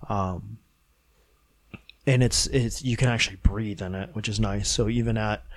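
A man's voice: lowish voice, fairly even intonation, moderate pace, no echo. A man with a nasal, congested voice, hosting a casual podcast chat. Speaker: podcast host.

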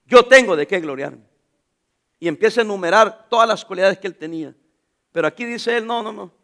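A middle-aged man preaching a sermon, calling out to the congregation and reading scripture aloud with them. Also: high-pitched. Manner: animated preaching, calls out to the congregation; reads scripture slowly with the congregation. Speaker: pastor.

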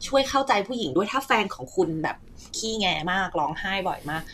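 Lively chatty woman explaining science. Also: medium pitch, fast, a little hiss or hum. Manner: lively storytelling, acts out her own reactions. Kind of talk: casual science chat.

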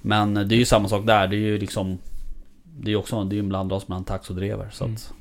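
Rambling, somewhat low-voiced man. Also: little pitch movement. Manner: rambling, lots of fillers and restarts. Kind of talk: casual chat.

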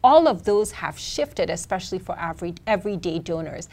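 Measured woman explaining economics. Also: lowish voice, expressive, a little mellow. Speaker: philanthropy researcher. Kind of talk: expert interview answers.

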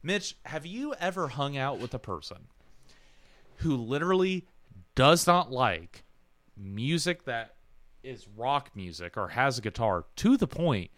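A man holds forth on a podcast in a bright, cutting voice that swings widely in pitch. His talk is profane and heated, a running rant in casual chat. The sound is dry and close to the mic. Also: expressive, measured pace, no room sound. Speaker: podcast co-host.

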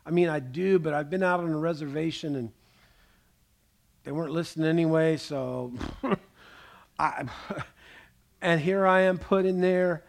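A man preaching a sermon, telling stories with animated, jokey asides. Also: a little high, measured pace, gravelly, pauses often. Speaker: pastor.

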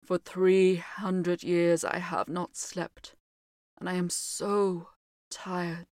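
A woman reading the part of a weary centuries-old male ghost, speaking slowly in a low, dreamy way. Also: fairly even intonation, no room sound, clean studio sound. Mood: sad, dreamy.

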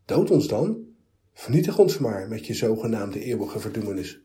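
A man's voice: fairly low pitch, moderate pace, mellow, natural voice. A man voicing a crowd of philosophers and rulers who mock and chase away their god. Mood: scornful. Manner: mocking, jeering.

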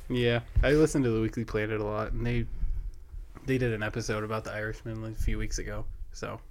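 A man's voice: on the low side, fairly even intonation, fast talker, a little hiss or hum. A young man hosting a podcast in casual chat, rambling with lots of fillers and laughing often. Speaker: podcast host.

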